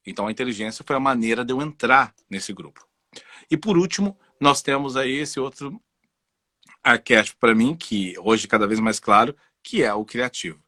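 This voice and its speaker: A man with a Brazilian Portuguese accent, a guest and voice specialist, talking in a casual, animated way and telling personal stories. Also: mid-range voice, normal speed, no room sound, studio quality. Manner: animated, personal storytelling with frequent "entendeu?". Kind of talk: casual conversational interview.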